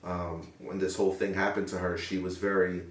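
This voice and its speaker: A young man speaking in an interview in an earnest, reflective way, often pausing to search for words. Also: sits low, level tone. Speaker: interviewee, paramedic. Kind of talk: sit-down interview. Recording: roomy sound from a distant mic.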